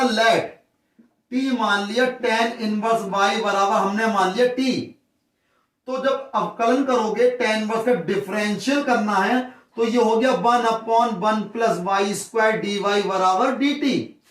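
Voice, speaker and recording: A man's voice: high-pitched, far from the mic. A man with a western Uttar Pradesh Hindi accent, working through a maths problem step by step as a teacher, talking casually to his viewers. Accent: Hindi as spoken in western Uttar Pradesh. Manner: talks through steps, addresses viewers as brother. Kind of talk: worked-solution lesson. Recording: roomy echo, off the mic.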